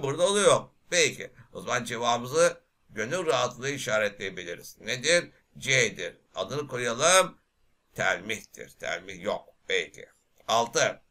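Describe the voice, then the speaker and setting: A man teaching literature for an exam, reading verses aloud and asking his class lively questions he answers himself. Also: mid-range voice. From Turkey. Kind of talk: exam prep lecture.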